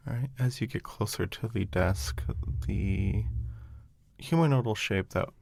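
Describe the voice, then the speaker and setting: Slow, gravelly, low-voiced man running a game. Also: a little mellow, no room sound. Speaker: game master. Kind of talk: improvised narration of a tabletop game. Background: background music.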